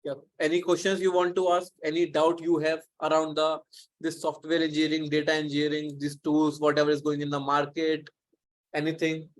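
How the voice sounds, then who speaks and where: A man's voice: on the high side, monotone, brisk. A male instructor giving a live online lecture, explaining in a loose, rambling way with many restarts.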